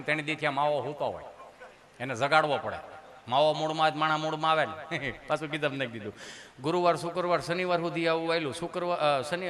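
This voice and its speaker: A middle-aged man telling a comic story on stage, acting out the people in it and laughing along as he goes. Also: fairly high pitch. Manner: animated, acts out characters and laughs along. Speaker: stand-up comedian. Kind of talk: Gujarati folk comedy storytelling.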